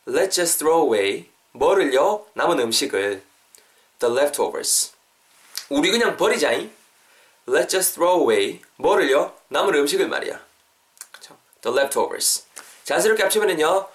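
A man teaching English phrases in a podcast lesson, slowly drilling each phrase and laughing at his own slips. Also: a little high. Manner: lively, switches between Korean and slow drilled English.

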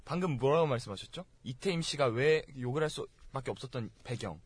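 Man debating on a talk show, quick delivery, husky voice. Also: mid-range voice, animated, no room sound. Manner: argumentative, teasing. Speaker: panelist. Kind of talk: heated comic debate.

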